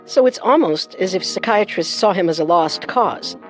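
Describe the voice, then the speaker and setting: A woman co-hosts a scripted true-crime programme, narrating in a measured, serious manner with music underneath. Her voice is lowish and animated.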